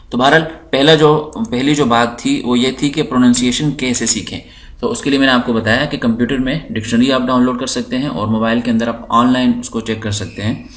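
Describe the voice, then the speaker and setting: A man with a mid-pitched voice gives a patient, unhurried lesson. He explains step by step as he clicks through his screen and repeats words so that learners can follow. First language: Urdu. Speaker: English teacher.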